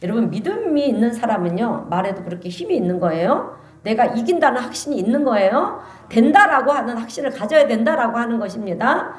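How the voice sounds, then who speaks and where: Animated woman preacher in an echoey church. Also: fairly high pitch, fairly quick. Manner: animated preaching, calls for amens from the congregation. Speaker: pastor. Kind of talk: sermon. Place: church sanctuary.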